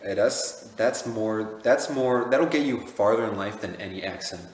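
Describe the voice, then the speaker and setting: A man's voice: on the low side, moderate pace, slight background noise. A young man co-hosting a podcast, chatting casually and joking around. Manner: joking, bursts into silly voices. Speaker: podcast co-host. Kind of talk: casual chat. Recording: echoey room with long reverb.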